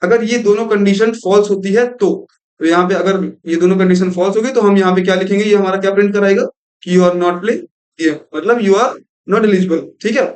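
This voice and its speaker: Speaking fairly quickly in a high, darkish voice with a steady tone, a young man teaches programming over a screen recording. He breaks things down step by step, blending in English terms and often saying "thik hai."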